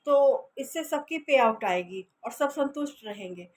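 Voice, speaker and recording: A woman's voice: high voice, lively intonation, measured pace. A woman giving an earnest, persuasive motivational talk about network marketing, telling a short fable along the way.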